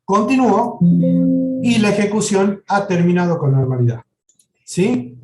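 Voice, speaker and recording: Soft background music plays under a man whose high, sing-song voice has a dark tone and measured pace. He is giving a live university programming lecture with a software demo, explaining each step and often checking in with students, in an echoey classroom recording.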